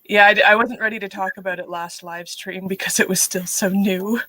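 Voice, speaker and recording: On her casual livestream, the middle-aged host of live writing sprints tells stories and laughs often. Her mid-range voice stays steady yet fairly quick, pushed and bright. There's no room sound, but the recording quality is low.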